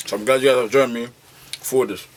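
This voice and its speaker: A man's voice: medium pitch, steady tone, fast talker. A man, hosting a studio session with playful, slangy banter. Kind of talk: bantering host talk. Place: packed studio. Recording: crowd chatter.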